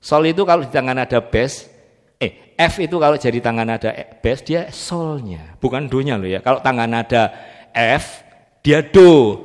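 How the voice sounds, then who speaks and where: Quizzing male music teacher in a reverberant hall. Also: on the high side. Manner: quizzes students, drills letter names and solfege. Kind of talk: live music training class. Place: church training room.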